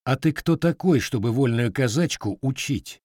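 In an audiobook, a man voices a firm, mocking young Cossack hunter in a wry mood, with a mid-range, slightly mellow voice, lively intonation and a moderate pace. He pitches it above his own natural voice yet keeps it close to everyday speech. The sound is clean studio audio with no room sound.

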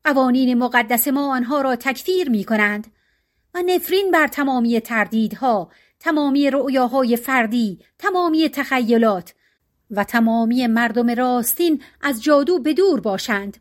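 A woman's voice: high-pitched, lively intonation. A woman voicing a stern male priest who curses all things magical in a raised, intoning voice, in an audiobook reading. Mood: solemn denunciation.

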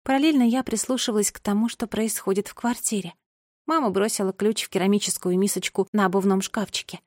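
A woman narrating a children's audiobook in the first person, with lively storytelling. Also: mid-range voice, quick pace, dry recording, studio quality.

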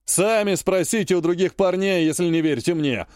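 A man's voice: high voice, brisk, darkish tone, dry recording, studio quality, close to an everyday voice. A man voicing a chatty male soldier telling his comrades a war story in an audiobook.

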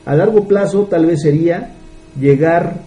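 A warm, slightly high male voice, a little slow in pace, belongs to a business mentor in his thirties. With a Mexican Spanish accent, he gives an earnest motivational business talk and asks rhetorical questions.

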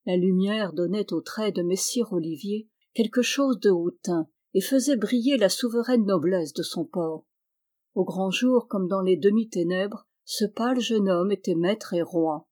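A woman narrating a classic novel as an audiobook reader, with an even, measured reading. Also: mid-range voice.

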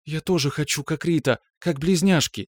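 An eager, chattering teenage sister from an audiobook story, voiced by a man. Her voice is lifted clearly high, and the recording is dry and close. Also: moderate pace, darkish tone, dry recording, lightly acted. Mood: whispering. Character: excited teenage girl, the younger sister.

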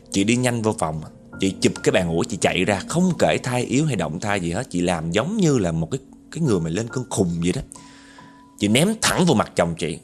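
A man telling a horror story, chatting directly to his listeners. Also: mid-range voice.

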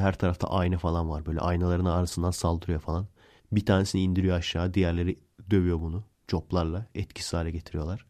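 Low, dark-voiced man recapping a film. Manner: rambling, self-correcting retelling. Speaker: podcast host.

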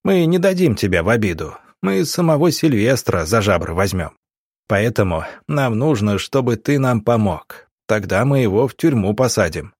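A man voicing a gruff, hot-tempered police officer who barks threats in an audiobook. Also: on the low side, very animated, normal speed, darkish tone, dry recording, clean studio sound, full character voice. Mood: weary. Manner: barking, threatening.

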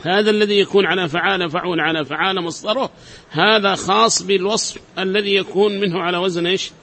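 A man's voice: high voice, fairly even intonation, fast, pushed and bright. A man teaching a class, explaining step by step, repeating examples and quizzing his students. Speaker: teacher of Arabic grammar. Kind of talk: classroom lecture.

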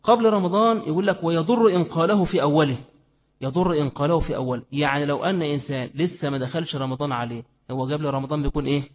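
Here an Islamic teacher with an Egyptian Arabic accent races through a religious lesson in a voice on the high side. He questions his listeners and answers for them, his words filling a big-sounding room.

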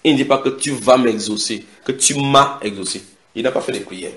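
A man preaching a sermon in a house church, animated and expressive. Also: medium pitch, brisk. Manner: animated preaching with acted quotes and a shouted climax. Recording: echoey room, faint noise.

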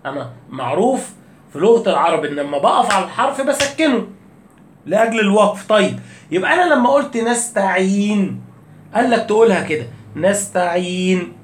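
High-voiced Egyptian man teaching recitation. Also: very animated, fast, roomy sound, a little hiss or hum. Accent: Egyptian Arabic. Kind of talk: casual spoken lesson.

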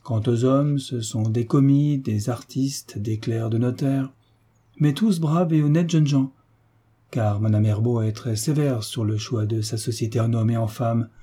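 A man's voice: medium pitch, a little slow, dark tone, breathy edge. A man voicing a devoted, fawning governess in an audiobook, fussy and deferential. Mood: flustered. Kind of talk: audiobook character reading.

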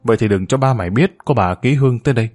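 A jealous, heartbroken mother speaks with bitter resentment, her voice close to tears, as a man reading the story puts her on. Her pitch sits in the ordinary middle range for a storybook reading. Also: rapid-fire, darkish tone, lightly acted. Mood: bitter, tearful. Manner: tearful, resentful scolding.

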